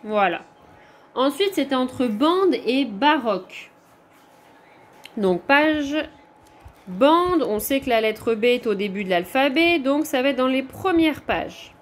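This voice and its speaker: A woman's voice: high voice, lively intonation. A woman teacher with a French accent, patiently walking young pupils through the corrections of their homework, step by step. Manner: slow, patient, pointing things out step by step. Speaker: primary school teacher.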